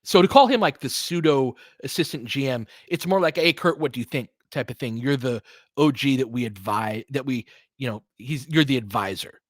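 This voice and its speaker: Recorded dry with studio quality, a man speaks at normal speed in a medium-pitched voice as he hosts a basketball podcast. His take is casual and opinionated, delivered emphatically and conversationally with frequent rhetorical questions.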